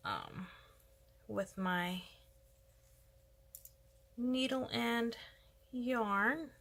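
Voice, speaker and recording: A woman's voice: a little high, very slow, gravelly, a bit bright. A woman hosting a casual crochet tutorial, chatting and thinking aloud as she works. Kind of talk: casual step-by-step craft tutorial.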